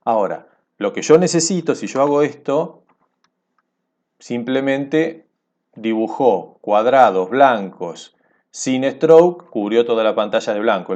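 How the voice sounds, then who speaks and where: A man's voice: mid-range voice, darkish tone, highs cut off. A man teaching a programming lesson over a screencast, explaining step by step and checking in with his listeners.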